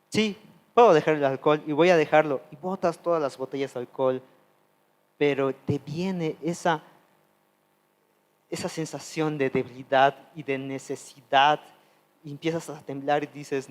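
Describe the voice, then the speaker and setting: Earnest preacher man, fairly high voice. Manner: shifts between loud pleading and soft, low asides; earnest and confessional. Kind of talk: testimonial sermon.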